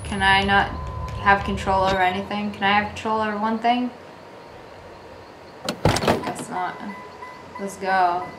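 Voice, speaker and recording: A woman's voice: mid-range voice, flat delivery, measured pace, pauses often, music in the background. A young woman playing a horror game, giving casual, scared commentary and muttering to herself as she goes. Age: young adult. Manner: jumpy, scared reactions mixed with muttering to herself. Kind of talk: casual let's play commentary. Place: small indoor room. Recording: roomy echo, noisy game ambience.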